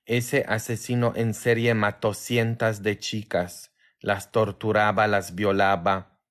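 A man from Poland with a Polish accent, a priest chatting casually with viewers on a livestream in a tired, low-key way. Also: little pitch movement, takes it slowly.

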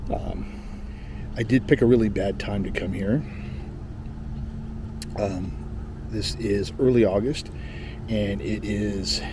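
A middle-aged man from California vlogging casually from an outdoor lakeside campsite, talking in a relaxed, rambling way and correcting himself as he goes. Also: lowish voice, background noise. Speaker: camping vlogger. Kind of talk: casual travel vlog. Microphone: camera at arm's length. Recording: music playing under the voice.

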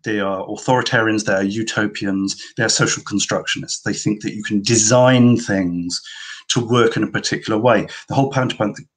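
Husky-voiced man arguing emphatically. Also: fairly low pitch, steady tone, a little fast, fairly bright tone. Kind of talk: casual debate on art.

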